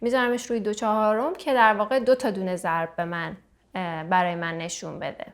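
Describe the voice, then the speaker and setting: A woman's voice: mid-range voice, level tone, background noise. A woman teaching santur, patiently explaining meter and counting beats aloud between her explanations. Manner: counts beats aloud and sings note names; patient, explanatory, with fillers and restarts. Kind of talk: music lesson explanation.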